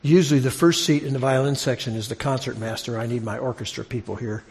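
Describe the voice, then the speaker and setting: Before his congregation, a preacher gives a conversational expository sermon, raising questions and repeating phrases for emphasis. He's a fast talker with a mid-range, darkish voice and fairly even intonation.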